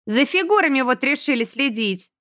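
A woman's voice: sits high, animated, moderate pace, sharp tone, no room sound, studio quality, pitched above the performer's own voice. A woman voicing an exhausted young schoolgirl who whines and pants between words. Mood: breathless. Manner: whiny, panting. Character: exhausted, breathless young girl student.

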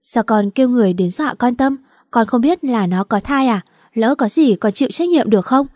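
A reproachful older mother scolding a young woman, her voice mellow and warm, as a female reader puts her on. The recording is close and dry, like a storybook audiobook. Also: fairly high pitch, expressive, brisk, dry recording.

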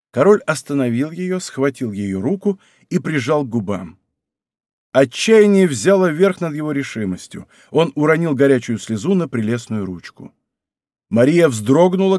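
A man narrating a historical novel in a measured, subdued storytelling manner. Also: mid-range voice, darkish tone, dry recording, clean studio sound. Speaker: audiobook narrator. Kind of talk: scripted narration.

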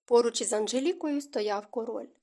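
A woman narrating a historical romance audiobook in a smooth, even storytelling manner. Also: on the high side, normal speed. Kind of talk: scripted narration.

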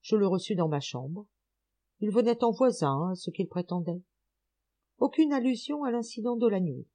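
A woman narrating an audiobook in measured, literary phrasing. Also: medium pitch, expressive, dark tone. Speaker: audiobook reader.

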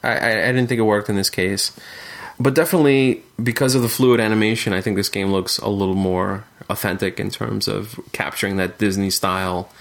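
A man's voice: on the low side, steady tone, a little fast, gravelly, a bit bright. A man co-hosting a casual podcast chat, talking thoughtfully with frequent fillers and restarts. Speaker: podcast co-host discussing retro games.

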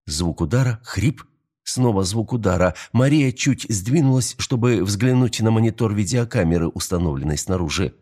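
A man's voice: on the low side, animated, normal speed, darkish tone. A man narrating an audiobook in a dramatic, tense scripted reading.

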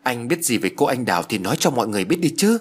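Man playing a hurried young man. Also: mid-range voice, sing-song, breathy edge. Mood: urgent. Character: young man, friend explaining.

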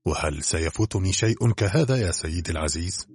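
Man doing a curt old doctor, brushes you off, deep and husky. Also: animated, a little fast, soft background music, heavily acted. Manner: brusque, self-assured. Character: curt, dismissive older male country doctor. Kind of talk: audiobook drama reading.

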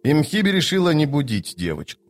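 A man narrating an audiobook in a measured, even reading. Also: on the high side, faint music behind. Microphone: home recording.

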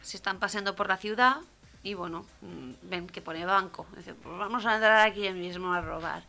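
A woman, a radio comedy co-host telling jokes in a lively, chatty way. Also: mid-range voice, normal speed, gravelly, soft background music. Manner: lively, chatty joke-teller.

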